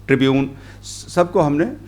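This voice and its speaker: Slightly high-voiced man lecturing a workshop. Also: expressive, a little mellow. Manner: rambling, mixes Hindi with English phrases, many pauses and fillers. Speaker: journalist giving a workshop talk. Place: conference hall.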